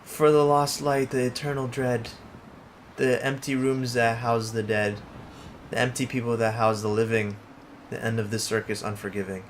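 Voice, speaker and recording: A man's voice: medium pitch, little pitch movement, normal speed, a little hiss or hum, natural voice. A man voicing a grumpy, melancholy old jester from a video game, reciting doleful theatrical verse in an old man's voice. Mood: mournful. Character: melancholy old male jester, gloomy rhymer.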